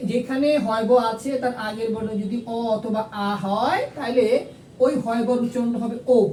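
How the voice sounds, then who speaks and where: A woman teacher explaining a lesson step by step, patiently repeating rules and asking and answering her own questions. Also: mellow. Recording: echoey room, far from the mic, faint rumble.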